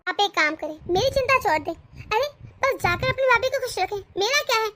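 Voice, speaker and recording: A woman voicing a jealous, sharp-tongued young wife who complains indignantly in a cartoon story. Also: extremely high pitch. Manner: complaining, indignant, quick to snap.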